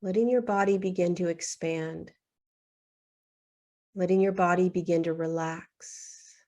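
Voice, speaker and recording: Guiding a meditation, a woman with a lowish, mellow voice keeps a steady tone. She is soothing and unhurried, letting long pauses fall between short phrases.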